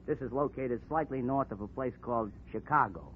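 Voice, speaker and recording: A man's voice: mid-range voice, brisk, natural voice. An actor playing a colorful racetrack little guy with formal, wordy diction in a 1940s radio drama, devoted to a horse. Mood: earnest. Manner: formal, wordy gangster-style diction without contractions. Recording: noisy, tinny 1940s radio recording.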